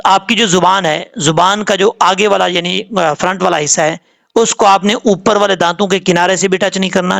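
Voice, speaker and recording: A man gives a tajweed lesson in a fairly high voice with a gravelly, creaky edge. He sounds out each syllable slowly and rattles through his explanations. When he recites, his chant rises and stretches out. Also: fairly bright tone. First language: Urdu. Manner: spells syllables slowly, then explains quickly; chants verses in a raised, drawn-out tone. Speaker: Quran recitation teacher.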